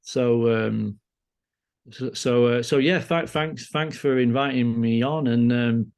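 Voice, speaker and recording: A man from Lancashire with a Lancashire accent, talking as a podcast guest in a halting way, full of restarts. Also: medium pitch, a little mellow, clear, resonant tone. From Lancashire, England. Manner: halting, many restarts and fillers. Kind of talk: casual conversation. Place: farm community temple in Scotland.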